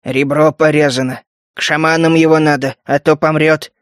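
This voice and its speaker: A man voicing a cynical, suspicious rat-faced male mutant who grumbles in a gruff voice. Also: a little high, level tone, moderate pace, dry recording, clean studio sound, close to an everyday voice. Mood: gloomy.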